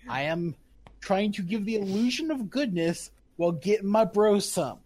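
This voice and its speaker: A woman's voice: mid-range voice, expressive, moderate pace, dark tone. A woman playing a tabletop game, rambling and joking about her plans. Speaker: player. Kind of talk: casual chat.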